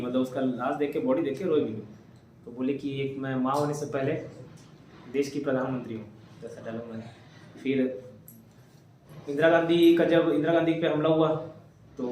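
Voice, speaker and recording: A man's voice: a little high, a little mellow, a little hiss or hum. A young man giving a casual classroom lecture, telling history as a chatty story and joking with his students. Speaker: teacher. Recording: echoey room.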